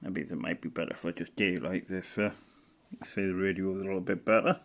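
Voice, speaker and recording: A middle-aged man presents as a radio hobbyist, giving a casual, rambling show-and-tell. His voice is low and steady in tone, a little fast, and he sounds hesitant, as if thinking aloud.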